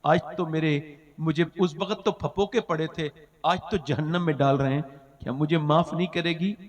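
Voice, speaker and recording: Male preacher, high voice, dramatic storytelling sermon, echoing PA reverb. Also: steady tone, normal speed. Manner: dramatic, swinging from loud cries to hushed lines, half-sung phrases.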